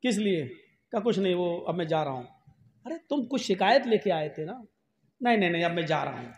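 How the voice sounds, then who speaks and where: A preacher voicing a timid grown man who mumbles his answers quietly and hesitantly. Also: high-pitched, fairly even intonation, moderate pace, slight background noise, pitched below the performer's own voice, lightly acted. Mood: meek, hurried. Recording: long hall reverb.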